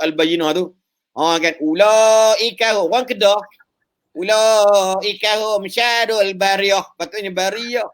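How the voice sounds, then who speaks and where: A man giving a lively religious talk over a live call, joking in English and chanting recitations. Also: on the high side. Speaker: preacher.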